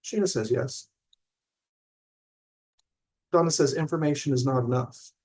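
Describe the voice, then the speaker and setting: A man in his forties, from Illinois, talks through mindfulness on a live stream while reading viewer comments. He has a medium-pitched, slightly mellow voice and a measured pace, and his talk rambles conversationally with frequent check-ins with listeners.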